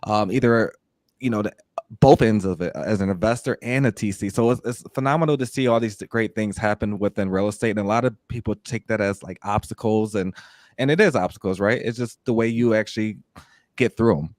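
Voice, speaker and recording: A man's voice: lowish voice, brisk, a little mellow, no room sound, studio quality. A man co-hosting a podcast over a group video call, chatting casually in a loose, rambling way with many fillers and restarts. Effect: heard over a group video call. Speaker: podcast co-host. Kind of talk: casual chat.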